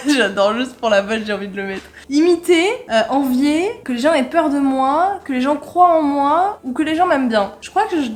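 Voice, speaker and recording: A playful woman vlogger with a high voice talks her way through an online quiz, cracking jokes and laughing often. She reads English words aloud with a loose, approximate accent in a light, casual tone. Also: expressive, normal speed, faint music behind. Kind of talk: casual commentary while taking an online quiz.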